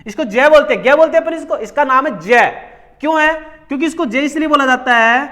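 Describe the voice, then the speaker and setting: A man's voice: very high voice, a little fast, bright, forceful tone. A male teacher giving a classroom grammar lesson, repeating key words and asking questions that he answers himself. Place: coaching class.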